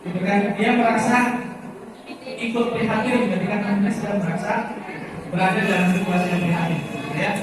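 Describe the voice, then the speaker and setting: Male seminar speaker, chatty, asks listeners questions; distant mic in an echoey school hall with background noise. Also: high voice. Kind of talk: informal lecture to an audience of mothers.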